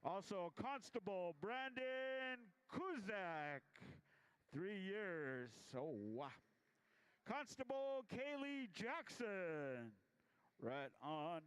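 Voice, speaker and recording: A man's voice: high voice, very animated, drawn-out words, a bit bright, clean tone. A man working as a powwow emcee, announcing and introducing people ceremonially to an audience, drawing out names and rallying applause.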